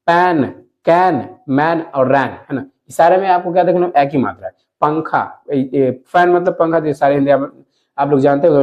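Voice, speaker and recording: A man teaching a lesson to viewers, explaining slowly, repeating words and asking himself questions as he goes. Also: fairly high pitch, dark tone. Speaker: English teacher.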